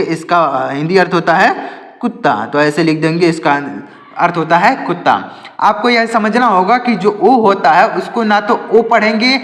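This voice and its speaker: A man's voice: high voice, fairly bright tone. A man teaching English to beginners, asking questions and answering them himself and repeating key words. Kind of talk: Hindi-language English lesson for beginners. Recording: echoey room with long reverb.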